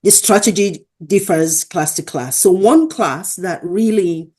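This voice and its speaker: A woman's voice: on the low side, measured pace, dark tone. Woman from Africa telling classroom stories. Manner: earnest, acts out quoted dialogue. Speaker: guest, associate professor. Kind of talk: interview, conversational storytelling.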